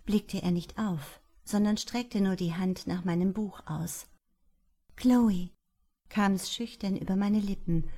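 Slow, mellow woman reading an audiobook. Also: medium pitch. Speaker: audiobook narrator. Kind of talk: first-person audiobook narration.

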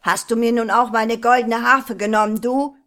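A woman voicing an angry, greedy male troll in a read-aloud folk tale, raising her voice to shout. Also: on the high side, moderate pace, close to an everyday voice. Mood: furious. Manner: loud, shouting accusations.

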